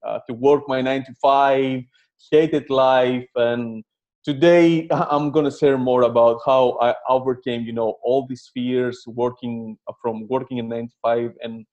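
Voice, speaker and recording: A man's voice: mid-range voice, steady tone, unhurried, a little mellow, highs cut off. A man in his thirties from Greece, a guest on a podcast, telling his story with plenty of fillers and restarts and Greek as his first language. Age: 30s. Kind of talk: casual interview.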